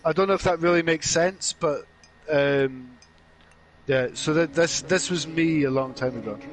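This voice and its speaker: A man with a soft Glaswegian accent, rambling and repeating himself as a guest in a casual, sweary livestream chat. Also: on the high side, unhurried, rough recording. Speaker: guest caller.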